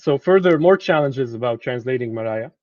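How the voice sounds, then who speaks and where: A man's voice: medium pitch, animated, fast, darkish tone, dry recording, highs cut off. A man presenting a lecture on translation to students, speaking conversationally and often repeating words as he searches for them.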